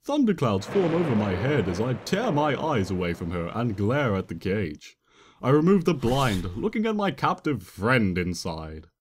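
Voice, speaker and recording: With a medium-pitched, very animated voice at normal speed, the man dramatically reads his fan fiction as a first-person narrator, in a playful, theatrical trickster style. There's a little hiss or hum, and the reverberant room leaves a long echo.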